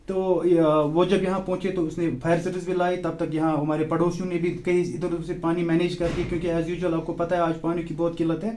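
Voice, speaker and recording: A young man, a shop owner giving a halting, urgent account in an outdoor news interview. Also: on the high side, level tone, darkish tone, slight background noise. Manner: halting, with many fillers, growing urgent. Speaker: shop owner telling of a fire. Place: outdoors beside a burnt shop.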